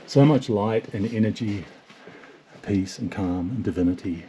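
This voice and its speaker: Awed, low-voiced man on tour. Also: measured pace. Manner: wondering, softly reverent in temples. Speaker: motorcycle tour leader. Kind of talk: travel vlog narration. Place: outdoors and inside mountain monasteries. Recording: noisy outdoor recording.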